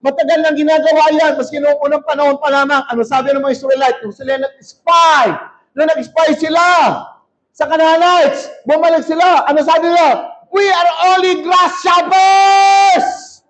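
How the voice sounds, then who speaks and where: A male pastor preaching a sermon in a church hall, shouting and calling on the crowd to answer back. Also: very high-pitched, level tone, fairly quick. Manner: shouting, rousing, calls for crowd response. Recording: dull lo-fi recording.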